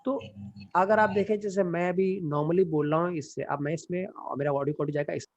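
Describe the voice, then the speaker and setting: Man, gravelly voice, casual online class, keeps checking in, mic switching, sometimes far from the mic. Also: fairly high pitch, steady tone, brisk, darkish tone, highs cut off. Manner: explains casually, checks in often with "ठीक है?". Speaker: online teaching trainer. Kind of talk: live online class demonstration. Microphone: USB studio mic and headset mic in turn. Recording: voice moves between mics, often from far off.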